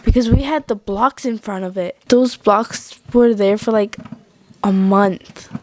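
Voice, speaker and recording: A woman voicing a young girl doll in doll pretend play, squealing high when she is scared of a spider. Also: unhurried, a little mellow, close to an everyday voice. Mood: worried.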